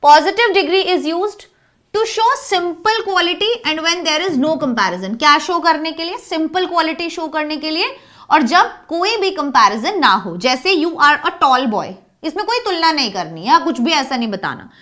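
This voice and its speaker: A woman's voice: high voice, very animated, fairly bright tone. A young woman teacher with an Indian accent, teaching a grammar lesson in a mix of Hindi and English and often checking that the class understands. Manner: mixes Hindi and English, drawls example words slowly, then explains in quick bursts.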